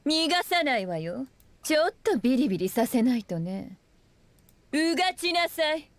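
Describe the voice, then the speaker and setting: A woman's voice: high voice, sing-song, normal speed, no echo. A woman voicing a playful, teasing female mage in a game's Japanese dub, in a coy, sing-song manner. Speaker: game character, Japanese dub.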